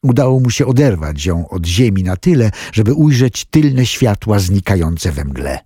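A male narrator reads a gripping thriller in a low, husky voice. His pitch rises and falls widely as he builds tension. The recording is dry and close, with no room sound. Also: big pitch swings, normal speed, mellow, no room sound. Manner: dramatic storytelling with wide swings in pitch. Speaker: audiobook narrator. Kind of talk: scripted narration.

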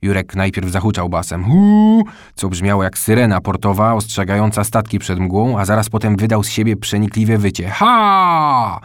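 A man reading a children's story aloud in calm, scripted narration. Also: lowish voice, a little fast, few pauses, dry recording, clean studio sound. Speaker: audiobook narrator.

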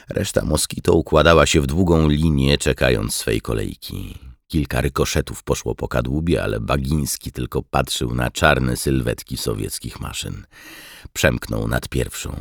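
A man reading a wartime audiobook in steady, measured scripted narration. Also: very deep voice, gravelly, no room sound, studio quality.

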